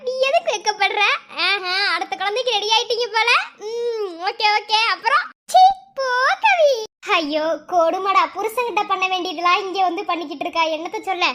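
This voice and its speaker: A woman performs a whole household of cartoon women in a very high, piping voice. The talk is speech, full of teasing and scolding banter. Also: bright, forceful tone. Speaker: cartoon channel creator voicing all characters. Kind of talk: acted cartoon dialogue.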